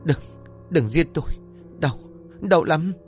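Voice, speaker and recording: A man's voice: animated, takes it slowly, darkish tone, soft background music. A man doing a terrified young wife's voice. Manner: trembling, pleading, higher put-on voice. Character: frightened young wife haunted by visions.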